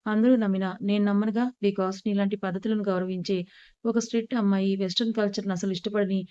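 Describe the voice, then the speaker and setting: A woman's voice: medium pitch, flat delivery, fast talker, mellow, dry recording, muffled recording, lightly acted. A woman reading the lines of a devoted young man who speaks earnestly and with hurt. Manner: earnest, pleading.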